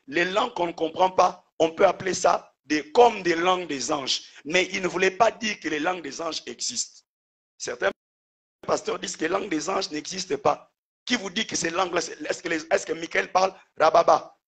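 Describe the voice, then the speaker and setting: A man's voice: on the high side, fairly bright tone, slightly rough. A man preaching a sermon as a pastor, calling out to the congregation and having them repeat after him. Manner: preacher calling out "Alléluia" and "Amen", call-and-response with the congregation.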